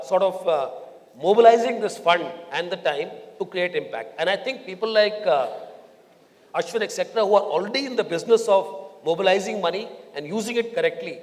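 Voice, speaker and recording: Halting high-pitched Indian man on a panel. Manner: hesitant, halting, measured. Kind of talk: unscripted panel answer. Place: large hotel conference hall. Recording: echoey hall with long reverb.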